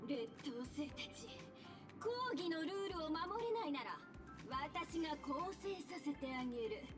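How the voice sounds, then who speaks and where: A woman's voice: high voice, expressive, unhurried, distant mic, loud music behind the voice. A woman playing a haughty, sly villain lecturer in a game, with a condescending, taunting, theatrical manner. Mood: haughty, commanding. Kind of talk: Japanese game voice acting.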